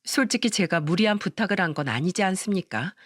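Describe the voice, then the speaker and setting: A woman's voice: on the low side, expressive, quick pace, no room sound, studio quality. A woman narrating a scripted family story in a confiding, indignant way.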